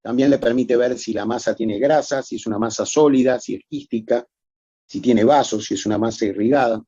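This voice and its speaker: A man's voice: medium pitch, brisk, dark tone, slightly rough, no echo, lo-fi sound. A man giving a recorded medical lecture, explaining methodically and addressing students formally.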